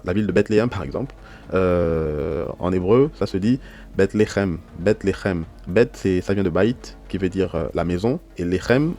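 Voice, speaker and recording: A man's voice: sits low, mellow. A man teaching an online language lesson, explaining patiently step by step and often checking that his listeners follow. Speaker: Hebrew teacher.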